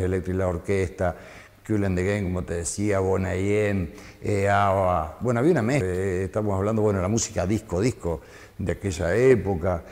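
A mellow, dark-toned Argentine man in his fifties reminisces at length, wandering through his story with plenty of fillers. His voice carries a long reverb tail in the room. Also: low voice. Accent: Argentine Spanish. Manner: reminiscing, rambling with frequent fillers. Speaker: interview guest, former DJ. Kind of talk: conversational interview.

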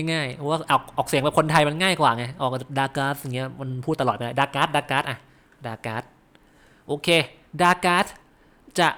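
A man's voice: medium pitch, fairly bright tone. A Thai man hosting a gaming channel, chatting casually about game concept art, often correcting himself and laughing at his own guesses.

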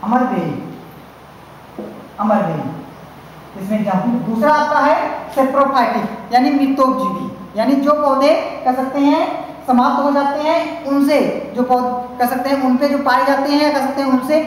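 A woman's voice: sits high, moderate pace. A woman teacher with a Hindi-speaking North Indian accent giving a classroom science lecture, explaining with many repeated fillers and restarts. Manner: repetitive, filler-heavy explaining with frequent restarts. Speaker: college teacher. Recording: very echoey hall, faint hiss.

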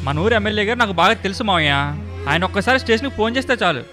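An actor playing a young man who briskly reassures his sister and takes charge. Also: high voice, expressive, sharp tone, faint music behind. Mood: reassuring. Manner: fast, reassuring, take-charge.

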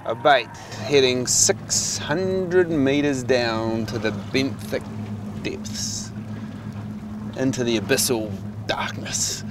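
On a boat at sea, a man hosts a fishing show, narrating casually to camera in a chatty, jokey, playfully dramatic way. His medium-pitched voice takes its time, picked up by a lapel mic with a music bed underneath.

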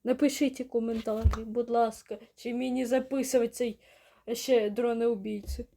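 A young woman chatting through a reaction video with quick exclamations. Her voice sits high. Now and then she drops to a hushed whisper. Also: level tone. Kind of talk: casual reaction commentary.

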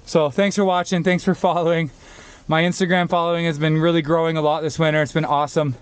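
A man's voice: on the high side, little pitch movement, fast talker, clean tone. A man in his thirties, a dad vlogging casually to an action camera held at arm's length, partly outdoors on ski slopes and partly in a car, often cheering on his kids. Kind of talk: casual vlog.

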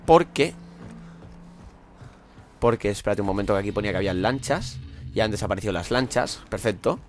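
Excitable Spanish man commentating gameplay. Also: fairly low pitch, a little fast, soft background music. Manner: excitable, talks to himself while playing, sudden loud outbursts. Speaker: gameplay streamer.

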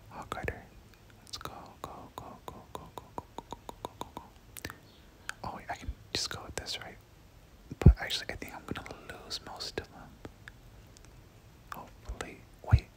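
A gaming creator delivers ASMR commentary over gameplay in a breathy whisper at a moderate pace with long pauses. Words often repeat in soft, rhythmic runs.

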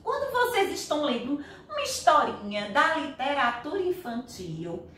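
A high-voiced, middle-aged woman teacher from Brazil, speaking in an animated way to young pupils. Her pitch swings widely as she acts out story voices. She sounds far from the mic in a strongly echoing room. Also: normal speed, slight background noise. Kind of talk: recorded remote class for children.

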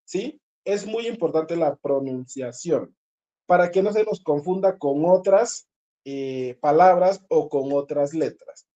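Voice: mid-range voice, slow, warm tone, muffled recording. A singing teacher leading a group voice lesson, explaining patiently, repeating key points and checking in with the listeners.

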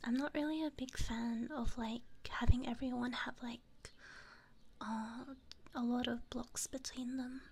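A woman's voice: on the high side, steady tone, unhurried, vocal fry, breathy edge. A woman live streamer whispering in a casual ASMR stream, thanking viewers by name.

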